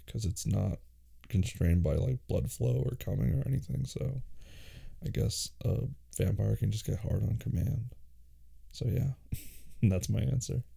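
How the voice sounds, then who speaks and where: A man hosting a casual, intimate question-and-answer show, relaxed and soft-spoken, sometimes dropping into a hushed reading voice. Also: on the low side, gravelly, breathy edge. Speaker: podcast host answering listener questions.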